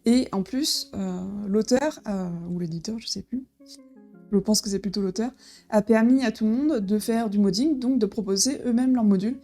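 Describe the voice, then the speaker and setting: Her voice on the high side and mellow, a woman unboxes and casually introduces a board game at a normal pace. Soft music plays behind her, and she hesitates often, with many fillers and restarts.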